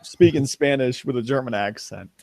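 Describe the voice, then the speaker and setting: A man's voice: medium pitch, normal speed, gravelly, a little mellow, no echo. A young man with a mid-range voice talks as a podcast guest, rambling and often restarting his sentences. The sound is dry and close. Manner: rambling, self-interrupting, laughs. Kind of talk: casual chat.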